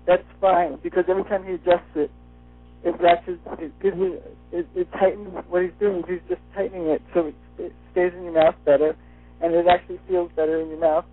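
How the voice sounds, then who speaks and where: A man with a high-sitting voice talks through a retainer as an interview guest on the phone, sharing a personal testimonial. The dry recording comes over a muffled line with faint music in the background.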